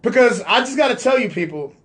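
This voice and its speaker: A man with a notably high voice hosts a loose, casual chat. He tells stories with animation and speeds up when he gets excited. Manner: animated storytelling, talks fast when excited. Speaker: podcast host.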